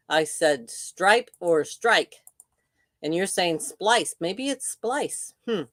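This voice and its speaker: A woman's voice: on the low side, no room sound, studio quality. An older woman hosting a casual livestream, chatting with viewers and reading their comments aloud with frequent laughs. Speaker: livestream host.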